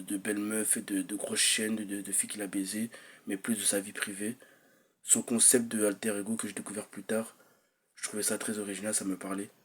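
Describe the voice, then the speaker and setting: A young man rambles through a personal vlog, hesitant, circling back with fillers and restarts. His voice sits a little low and has a husky edge. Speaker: vlogger.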